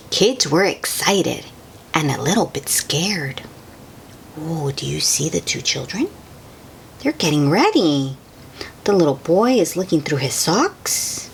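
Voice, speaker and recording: A children's read-aloud host, a woman with a low-sitting voice, reads a picture book to young children in an expressive, sing-song style. She adds chatty asides to her listeners, with slight background noise.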